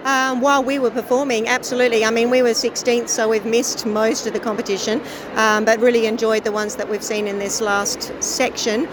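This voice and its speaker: A woman with a croaky voice, answering casually in an interview as a chorus director and singer. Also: a little high, little pitch movement, brisk. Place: busy convention venue. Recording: noisy location recording, busy venue ambience.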